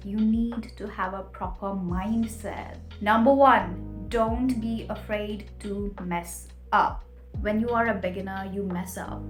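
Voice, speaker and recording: In an echoey room with faint music playing, a young vlogger from Nepal, a native Nepali speaker, works through emphatic tips one by one in a scripted advice video. Her voice sits in the mid-range.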